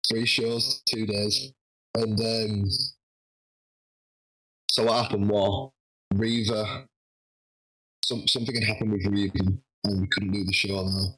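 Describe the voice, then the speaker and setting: A young man, a wrestler guest, telling a lively anecdote with frequent restarts. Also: fairly low pitch, takes it slowly, long pauses, faint music behind, rough recording. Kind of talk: casual storytelling.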